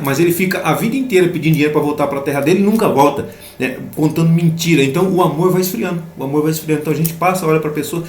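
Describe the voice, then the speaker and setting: A man's voice: a little high, darkish tone, roomy sound, slight background noise. A middle-aged man teaching a Sunday school Bible lesson, explaining with repetition and rhetorical questions.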